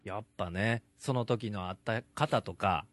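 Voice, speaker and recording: A man's voice: lowish voice, unhurried, fairly bright tone, dry recording. A man from Ehime, co-hosting a casual podcast chat and eagerly agreeing and adding in. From Ehime, Japan. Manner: eager, agreeable, backs up with short replies. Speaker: podcast co-host. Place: office building studio.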